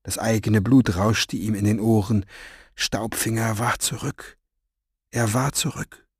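A man narrating an audiobook in a calm, measured storytelling manner. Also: lowish voice, breathy edge, no room sound, clean studio sound.

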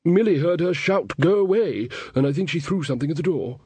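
A nervous, earnest young king, voiced by a male narrator, hesitant and fretful as he talks. The pitch sits a little raised. The sound is dry and close to the mic. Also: lively intonation, brisk, darkish tone, slightly rough, no echo.

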